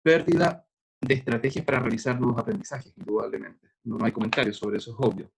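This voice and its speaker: A middle-aged man lectures to university students in a loose, conversational way. His voice is husky and mid-pitched, and he stops often to work through examples. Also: steady tone, quick pace. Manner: conversational, explains with worked examples and hesitations. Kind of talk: recorded lecture on neuropsychology.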